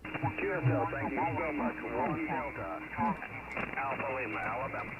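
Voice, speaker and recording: A man's voice: medium pitch, normal speed. A man giving terse call signs and locations as an amateur radio operator over a radio link. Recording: very noisy narrowband ham radio signal.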